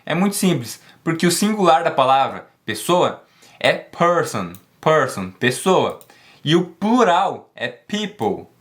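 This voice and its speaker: A man teaching an online English lesson, emphatic and encouraging, drilling words slowly and repeating them. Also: on the high side, sing-song.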